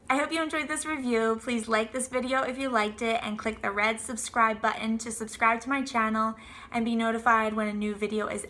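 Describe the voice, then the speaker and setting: Woman in her 30s, book reviewer and host, clear bright tone, earnest and explanatory. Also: a little high. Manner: earnest, explanatory, occasional ums. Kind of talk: prepared book review to camera.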